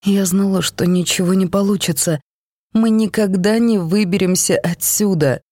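A reader voicing an exhausted, injured young woman who speaks flatly and mockingly, in an audiobook reading. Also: mid-range voice, moderate pace, no room sound, clean studio sound, lightly acted. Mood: sardonic. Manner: flat, lifeless, mocking.

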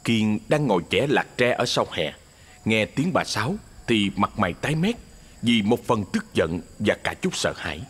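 Expressive male storyteller. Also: fairly low pitch, moderate pace, slightly rough, big-room sound. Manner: dramatic, expressive reading. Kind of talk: scripted ghost story narration. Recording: faint music underneath.

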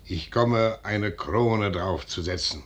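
A male actor with a fairly low voice plays a blunt, reserved colonel dispatched as an envoy in a 1950s radio drama. His stage diction is formal and deliberate.

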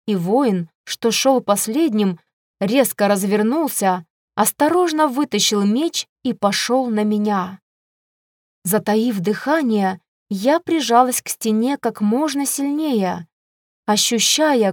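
A woman narrating a first-person fantasy audiobook in a measured storytelling manner, close to the microphone. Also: a little high, lively intonation, a little mellow, no echo.

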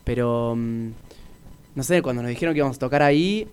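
A man's voice: medium pitch, a little fast, clean tone. A man, a musician guest talking casually and thoughtfully in a radio interview, with many restarts.

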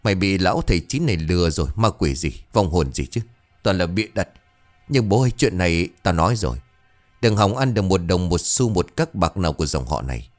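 Man doing greedy stubborn old dad, yells and sneers, deep voice, faint music behind. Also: expressive, a little fast. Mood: furious. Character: stubborn, greedy, hot-tempered old village father.

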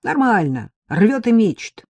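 A woman's voice: on the high side, sing-song, unhurried, breathy edge, no room sound, pitched above the performer's own voice, exaggerated voice. A woman reading an audiobook, voicing a brash, worried young woman friend who talks sharply and pushes hard. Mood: pushy. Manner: sharp, pushy, sarcastic.

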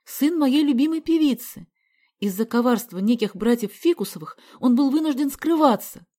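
Woman playing an earnest schoolgirl, high voice, mellow tone, storybook. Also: lively intonation, moderate pace. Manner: earnest, explaining.

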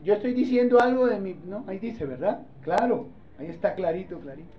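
A male pastor preaching a sermon in a church, animated and playful, often calling on the congregation to answer. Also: high voice, brisk, a little hiss or hum. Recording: dull lo-fi sermon recording.

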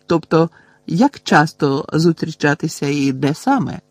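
A man's voice: a little high, unhurried, slightly rough, dry recording, voice pushed up. A man voicing an eager, bossy schoolgirl with a thin little voice in an audiobook. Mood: organizing.

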